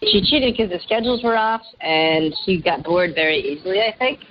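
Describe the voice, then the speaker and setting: A man's voice: high voice, lively intonation, normal speed. A male caller telling his story with his voice disguised by a voice changer, in an easygoing, matter-of-fact way. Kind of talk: telling a confession on a radio show. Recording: dull, lo-fi call-in line.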